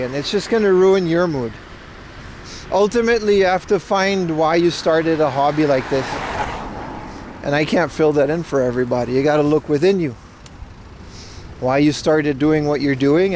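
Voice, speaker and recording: On a noisy city street by a parking garage, a man hosting a livestream chats into his headset mic. His voice sits on the high side, and his easygoing, rambling talk is peppered with casual swearing.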